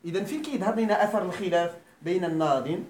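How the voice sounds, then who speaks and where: This high-voiced man speaks at a racing pace with a darkish tone. He teaches Arabic grammar in a Moroccan Arabic accent, lecturing in a Quran school classroom while often questioning his students to confirm they follow. The room echoes and faint noise sits in the background.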